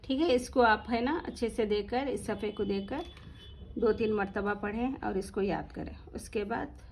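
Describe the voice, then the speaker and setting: A woman teacher with an Urdu accent, patiently reading out words slowly, syllable by syllable, and explaining them to students. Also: mid-range voice, a little mellow, slight background noise. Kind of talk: slow word-by-word reading lesson.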